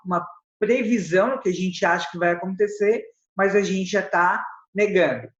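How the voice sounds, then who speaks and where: A man with a Brazilian Portuguese accent teaching an English grammar lesson, explaining step by step and reading English examples slowly. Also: high-pitched, a bit bright. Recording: roomy, slightly dull sound.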